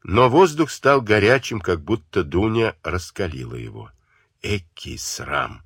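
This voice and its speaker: A man with a low, husky voice narrates a novel for an audiobook. His reading swings expressively up and down. The sound is dry and close. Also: huge pitch swings, normal speed, a bit bright, dry recording. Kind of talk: dramatic literary narration.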